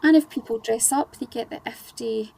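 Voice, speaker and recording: A woman with a mellow, gravelly voice on the high side speaks at normal speed, and the audio is poor. She's a guest in a radio interview, a charity volunteer and community ambassador, talking conversationally and explaining things earnestly.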